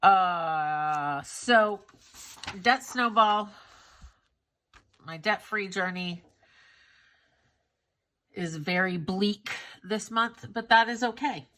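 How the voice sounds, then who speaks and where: A woman's voice: mid-range voice, takes it slowly, pauses often, bright, forceful tone. A woman vlogging about her monthly budget in a casual, candid way, congested from a cold and often trailing off with fillers. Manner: candid, self-critical, chatty with fillers.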